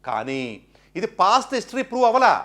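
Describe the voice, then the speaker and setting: A man delivering an impassioned monologue, questioning his listeners with rapid, indignant rhetorical questions. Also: sits high, big pitch swings, a bit bright. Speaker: education commentator.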